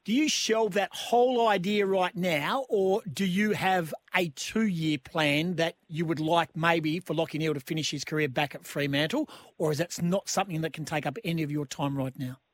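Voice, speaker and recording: An Australian man hosting a sports radio show, asking a guest questions in a brisk, conversational way. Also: fairly high pitch, dry recording. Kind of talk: radio interview.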